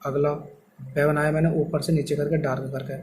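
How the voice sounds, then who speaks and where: A man's voice: on the high side, flat delivery, a little fast, a little mellow, a little hiss or hum, poor audio. A man teaching a shorthand lesson step by step, explaining patiently and answering his own questions.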